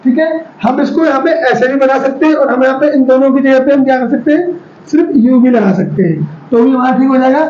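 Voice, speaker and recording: High-voiced man teaching kids to spell. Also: a little fast, a little mellow, slight background noise. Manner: keeps quizzing the children and checking they follow; stretches out syllables when sounding out names. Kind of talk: spelling lesson for children. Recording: roomy, dull lo-fi sound.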